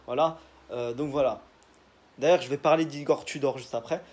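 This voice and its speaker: A man's voice: medium pitch, steady tone, moderate pace, a little mellow. A young man, casually giving his football predictions in a rambling, joking monologue full of fillers. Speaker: football video creator.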